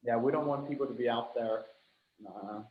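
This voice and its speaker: A man's voice: mid-range voice, moderate pace, narrow, tinny audio. Upbeat guy on a video call, laughs a lot, roomy echo. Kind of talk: casual chat. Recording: echoey room.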